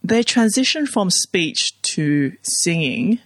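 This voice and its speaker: A man's voice: high voice, very animated, slow, a bit bright, dry recording, clean studio sound. A man co-hosting a casual podcast chat, rambling with many fillers. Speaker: podcast co-host.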